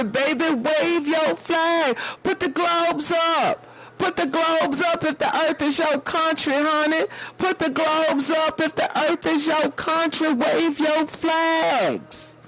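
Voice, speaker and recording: A man playing a sassy, preachy elder woman who calls her listeners baby and honey, his voice hoarse. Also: sits high, fairly bright tone, full character voice, low-quality recording. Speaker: live-stream host. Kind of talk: preachy casual live-stream talk.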